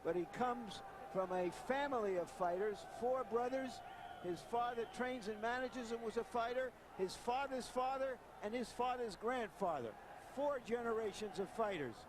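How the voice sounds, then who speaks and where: A man giving live analytical boxing commentary with deliberate, emphatic phrasing. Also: very high-pitched. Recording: clear arena noise behind voice.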